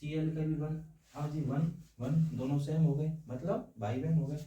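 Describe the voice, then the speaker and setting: A man's voice: a little high, steady tone, a little slow, mellow. A man teaching a science lesson, explaining with homely, playful analogies and checking often that students follow. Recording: echoey room, voice from far off.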